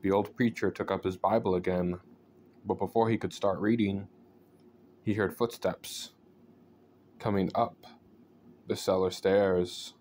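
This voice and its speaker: A man narrates a scary tale in a low, deep register. He takes his time, pausing deliberately to let suspense build. The recording is homemade, with noticeable background noise behind him. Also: fairly even intonation, a little mellow. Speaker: storyteller reading aloud from a book. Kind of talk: scripted horror story narration.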